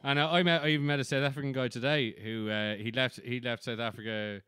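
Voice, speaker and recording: A man's voice: mid-range voice, steady tone, fast talker, pushed and bright, clean tone, no room sound, studio quality. A man co-hosting a podcast, chatting casually, rambling and restarting his sentences, swearing freely. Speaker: podcast co-host. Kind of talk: casual chat.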